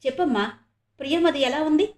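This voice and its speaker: A woman voicing a kind, wealthy middle-aged adoptive father who talks eagerly and warmly in a read-aloud audio novel. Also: extremely high pitch, a little fast, roomy sound, voice pushed up. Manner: eager, warm, generous.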